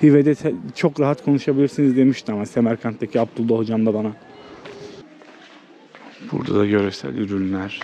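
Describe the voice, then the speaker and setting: The recording is muffled as a man hosts a casual travel vlog while walking an old walled town outdoors. His warm, mid-range voice is steady and quick yet pauses often, with city ambience and background noise behind his unscripted, conversational remarks.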